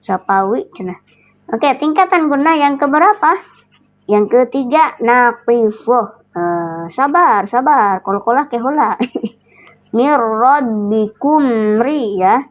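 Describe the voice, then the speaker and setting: Hoarse Sundanese woman teaching slowly. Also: a little high, animated. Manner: slow, drawn-out explanation with recited examples. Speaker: Quran recitation teacher. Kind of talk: live-streamed tajwid lesson. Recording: tinny phone-line sound.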